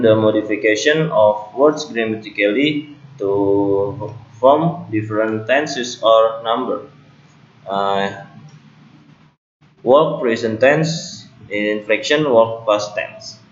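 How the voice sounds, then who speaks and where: Male student presenter, slow and deliberate, roomy lo-fi recording. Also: fairly low pitch, a little hiss or hum. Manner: slow, careful delivery with small self-corrections. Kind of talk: read academic presentation. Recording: roomy, dull lo-fi home recording.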